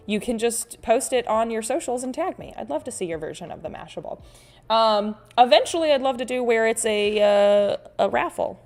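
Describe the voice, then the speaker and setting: Casting: female livestream host, mid-range voice, playful and exclamatory, loose rambling chat with viewers, music underneath. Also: medium pitch. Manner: playful, exclamatory, reads out comments and reacts; rambling, often self-interrupting.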